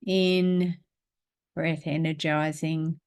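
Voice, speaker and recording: A woman teaching a spiritual class, guiding a meditation in a slow, calm, gentle way and reading aloud. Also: deep voice, clean tone.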